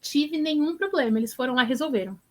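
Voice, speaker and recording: A woman teacher answering interview questions, telling stories in an animated, encouraging way. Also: high voice, fast talker. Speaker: teacher and education influencer guest.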